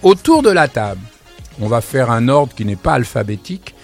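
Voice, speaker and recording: A radio host speaks into a studio broadcast mic, presenting and interviewing guests in a chatty, exclamatory style that drifts into asides. His medium-pitched, sing-song voice moves at a moderate pace with vocal fry, and faint music plays behind him.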